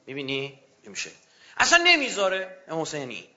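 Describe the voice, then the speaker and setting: A man preaching a fervent religious sermon to a gathering, swinging between loud outbursts and hushed low passages. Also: huge pitch swings, muffled recording.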